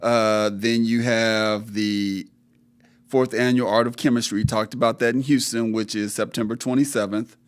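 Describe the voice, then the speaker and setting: A man hosting an interview podcast, speaking in a measured way with frequent fillers. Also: lowish voice, steady tone, clear, resonant tone. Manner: measured, reads through a list with many fillers. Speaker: podcast host. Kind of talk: casual interview.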